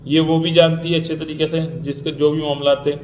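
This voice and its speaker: A man's voice: on the high side, flat delivery, darkish tone, a little hiss or hum. A man giving an indignant, ranting commentary, repeating himself and mocking others by mimicking them. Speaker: vlogger. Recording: echoey room with faint ambience.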